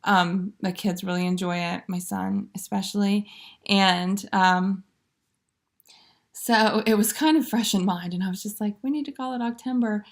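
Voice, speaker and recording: A woman's voice: medium pitch, steady tone, a little slow. A woman in her thirties hosting a knitting video, chatting casually and rambling with fillers and giggles. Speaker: knitting podcast host. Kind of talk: casual show-and-tell chat.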